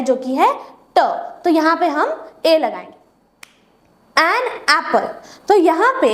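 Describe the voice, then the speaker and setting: A woman whose first language is Hindi, teaching English grammar step by step and asking and answering her own questions. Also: extremely high pitch. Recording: echoey room.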